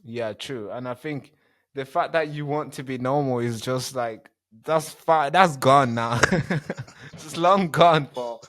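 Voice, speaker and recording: A young man hosting a podcast over a remote call, talking in a relaxed, chatty way with frequent restarts. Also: mid-range voice, takes it slowly. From born in a refugee camp in Tanzania. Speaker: podcast host. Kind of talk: casual interview chat.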